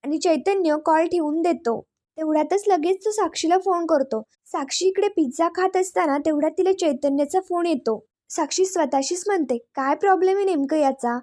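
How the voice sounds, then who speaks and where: A woman narrating a serial episode recap in a casual storytelling way. Her voice sits very high but sounds soft and mellow, and she moves through each scene at an even pace. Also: normal speed. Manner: steady retelling, mixes in English words.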